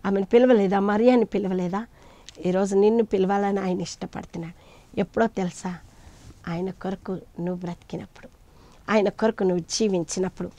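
A woman preaching a sermon, swinging between loud cries and hushed asides as she retells scripture in quoted voices. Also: medium pitch, steady tone, fairly quick, dull audio.

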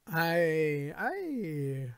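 A man's voice: fairly high pitch, sing-song, smooth, no echo, clean studio sound, exaggerated voice. A man doing a stern, commanding caliph. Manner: measured and authoritative.

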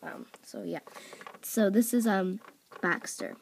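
Mid-range and gravelly, her voice is animated yet slow, with a noisy background. The channel host stays off-camera, picked up by a phone or camera mic, as she casually introduces toy characters on a table at home for voice auditions, rambling with many "likes" and "ums" and self-corrections.

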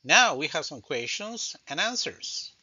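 A man teaching English vocabulary, slowly saying each word twice in a drill lesson. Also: a little high, big pitch swings, bright, forceful tone, breathy edge, no room sound. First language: Spanish. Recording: dull dry lo-fi recording.

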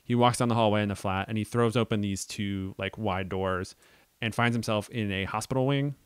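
A man's voice: on the low side, fairly even intonation, a little fast, clean tone, no room sound. A young man co-hosting a casual podcast about a film adaptation, thinking aloud with many ums and restarts. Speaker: podcast co-host.

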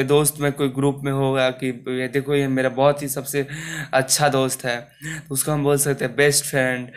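Smooth-voiced male grammar teacher. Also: medium pitch. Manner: explains step by step with many fillers and restarts. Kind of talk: grammar lesson.

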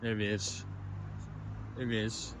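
A man's voice: lowish voice, little pitch movement, slow, noisy background. A young man, chatty and a little tipsy, rambling and repeating himself as he films a walking vlog on town streets with a handheld phone. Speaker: vlogger. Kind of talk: casual walking vlog commentary. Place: outdoors on town streets at dusk.

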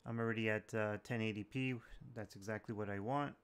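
In a casual step-by-step tech tutorial, a man explains the process in plain, informal language. His voice is lowish, smooth and steady in tone, moving a little fast.

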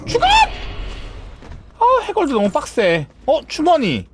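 A man chatting as he streams a game, playful and theatrical. His voice sits fairly high and leaps all over the place, from squeals down to gruff mock scolding. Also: wildly swooping pitch, normal speed, very noisy. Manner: playful, theatrical, swings between shrieks and mock-stern grumbling. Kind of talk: casual game streaming chat.

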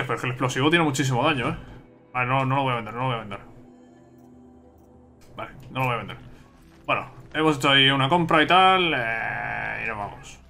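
Bright-voiced Spanish gamer thinking aloud. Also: male voice, mid-range voice. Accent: Spain Spanish. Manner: chatty, thinks aloud, repeats himself. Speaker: gaming streamer. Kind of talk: casual let's-play commentary.

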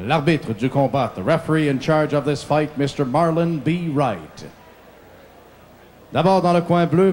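A male arena announcer with a fairly high voice speaks slowly and formally. He draws out his introductions in a deliberate way, with some noise around him in the hall. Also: a little mellow. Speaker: ring announcer. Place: boxing ring in an indoor arena.

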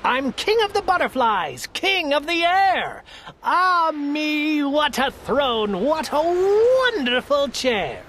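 A woman's voice: sits high, very animated, takes it slowly, a bit bright, slight background noise, voice pushed up, full character voice. A woman voicing a pompous, boastful, tyrannical turtle king in a storybook, declaiming grandly in a bellowing manner. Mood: gloating, exultant. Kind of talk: storybook character voice in a read-aloud.

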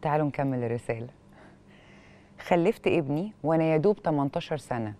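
A female TV host with an Egyptian accent reads a letter aloud and comments on it expressively, often questioning, through a lapel mic in a studio. Her voice is deep and she talks fast.

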